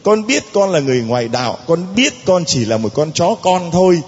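A man's voice: a little high, sing-song, fairly quick, slightly rough, big-room sound, highs cut off. A male priest voicing a humble foreign mother who pleads in a sermon retelling. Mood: pleading.

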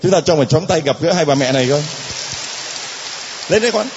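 Male priest, sermon, emphatic, a bit high-pitched, dull lo-fi sound. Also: quick pace, long reverb tail, noisy background. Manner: emphatic, dramatic repetition, talks to the congregation. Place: church.

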